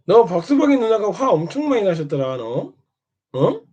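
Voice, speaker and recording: A man's voice: high voice, very animated, normal speed, darkish tone, slightly rough. A man taunting and scolding another streamer in a mocking monologue, prodding again and again with short questions. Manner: needling, keeps prodding with "eh?". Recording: dull lo-fi sound.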